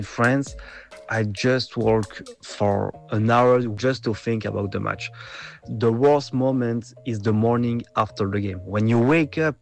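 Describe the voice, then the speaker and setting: A man's voice: on the low side, vocal fry. A man from Belgium, a football fan, recalling his team's loss in a reflective, subdued way. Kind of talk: recorded testimony.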